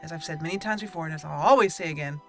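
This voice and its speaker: Laughing readily, a gaming channel host chats warmly with her audience as she walks them through a roleplay game, with game music playing. She speaks rapid-fire in a low voice.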